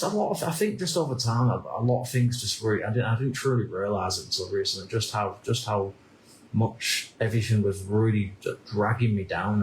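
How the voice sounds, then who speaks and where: A man in his thirties from the UK, musing aloud in a slow, halting vlog monologue with many restarts. His voice sits on the low side with a gravelly edge. It is recorded in an echoey room over a faint ambient hum. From United Kingdom. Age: 30s. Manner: halting, repeats words and restarts often. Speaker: vlogger. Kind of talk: reflective personal monologue.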